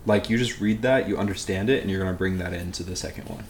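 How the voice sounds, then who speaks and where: A man's voice: sits low, quick pace, a little mellow, a little hiss or hum. A man in his twenties, a podcast co-host chatting casually about films, rambling with lots of filler words. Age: 20s. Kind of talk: casual film chat.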